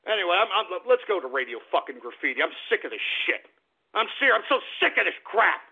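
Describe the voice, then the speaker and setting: A man with a very high, gravelly voice rants at his audience on an internet radio show, shouting insults between grumbling asides. The sound is tinny and phone-like, as from a lo-fi radio stream. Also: big pitch swings, fast. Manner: furious, shouting insults at listeners. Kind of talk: ranting radio monologue.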